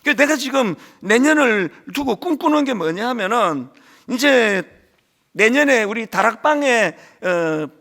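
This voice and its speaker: A man preaches a sermon, his voice sitting high and roughened by a gravelly fry. He tells stories with a lot of swing in his pitch and slips into the voices of church members as he goes. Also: fairly bright tone. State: lingering cold. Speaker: pastor.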